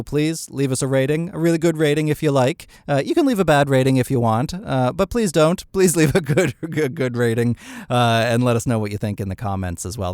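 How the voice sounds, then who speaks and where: Male podcast host, Maritime Canadian accent, chatty and self-deprecating, medium pitch, very dry close recording. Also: darkish tone, smooth, no room sound. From Cape Breton, Canada. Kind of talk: casual podcast talk.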